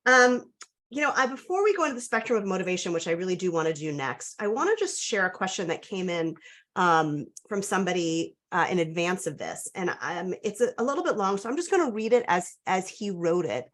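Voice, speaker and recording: A woman's voice: on the low side, sing-song, a little fast, fairly bright tone. Woman host moderating a webinar.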